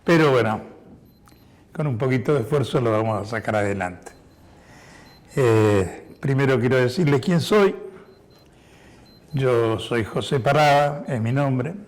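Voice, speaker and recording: A hoarse, Spanish-born man in his sixties gives a war veteran's testimony to an audience, explaining carefully with many hesitations. His mid-range voice has a darkish tone, moving a little slowly and pausing often.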